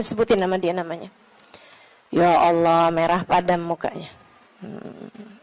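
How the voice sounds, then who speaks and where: A high-voiced woman preaches with feeling. She drops to hushed murmurs and then climbs into slow, ringing declamation. She is a middle-aged religious teacher addressing her listeners. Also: rough recording. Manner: emotive preaching, from soft murmurs to rising declamation. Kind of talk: sermon.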